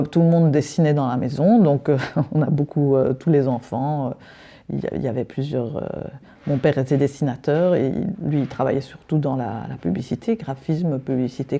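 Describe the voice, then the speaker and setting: Middle-aged woman, interview guest; halting answers, gravelly and deep-toned. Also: warm tone. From Belgium. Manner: hesitant, many fillers and restarts. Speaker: decorative painter, interview guest.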